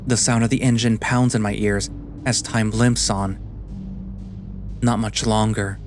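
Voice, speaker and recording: A man playing a weary, guilt-ridden animal sailor, narrating a first-person story in a quiet, subdued, slow and deliberate way. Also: lowish voice, steady tone, faint music behind, natural voice. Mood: brooding, weary.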